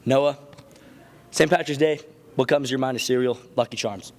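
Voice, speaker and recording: A man's voice: medium pitch, normal speed. A young man doing casual, joking street interviews as a student reporter, slangy and upbeat.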